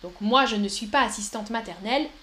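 A young woman teaching a live-stream language lesson, speaking slowly and clearly and repeating words for her viewers. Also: on the high side, bright, forceful tone. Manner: slow and clear, repeats words, puts on a babyish voice for examples. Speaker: French teacher.

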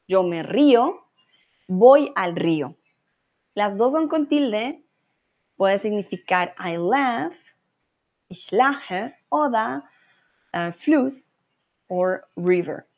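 A woman's voice: mid-range voice, darkish tone, lo-fi sound. Patient Colombian woman teaching Spanish. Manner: patient and encouraging, switches into English and German to explain. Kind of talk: live online language lesson.

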